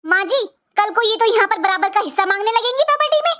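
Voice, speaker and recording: Casting: a woman as a taunting cartoon sister-in-law, very high and shrill, sharp-tongued. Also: expressive, fast talker, heavily acted. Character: scheming bossy young sister-in-law. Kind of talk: cartoon voice acting.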